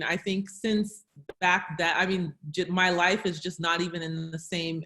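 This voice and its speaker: Flat-voiced woman with bright tone. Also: on the low side. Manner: flat, filler-heavy, says you know. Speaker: entrepreneur guest. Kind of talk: webinar conversation. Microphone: video call.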